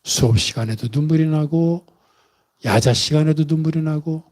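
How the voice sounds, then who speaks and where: A man preaching a sermon, retelling a story with dramatic pauses and sudden emotional rises. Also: fairly high pitch, a little mellow. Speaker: pastor.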